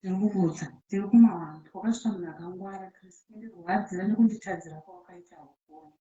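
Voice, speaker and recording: A woman's voice: medium pitch, very fast, dark tone. A woman heard on a played-back voice message, speaking in an aggrieved, accusing way and repeating her points for emphasis. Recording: muffled, roomy voice-note playback.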